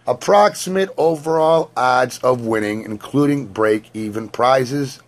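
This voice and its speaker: At home, a hoarse man with an ordinary middle-pitched voice hosts his own lottery scratch-off vlog. He chats like a crude, wisecracking showman, wordy and packed with off-color jokes.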